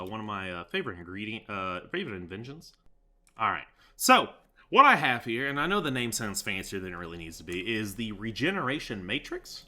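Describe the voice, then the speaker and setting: A man's voice: medium pitch, pushed and bright. A man giving casual, joking commentary over a sandbox game, talking sarcastically with lots of fillers. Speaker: gaming YouTuber.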